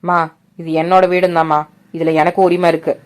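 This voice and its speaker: A woman's voice: on the low side, flat delivery, fairly quick, voice pushed down, close to an everyday voice. Woman doing a sulky, defiant young man.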